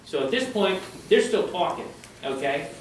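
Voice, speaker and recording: A man's voice: high-pitched, sing-song, normal speed, a little hiss or hum. A man giving a live history presentation to an audience, chatty and constantly checking in with his listeners. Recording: echoey room, voice from far off.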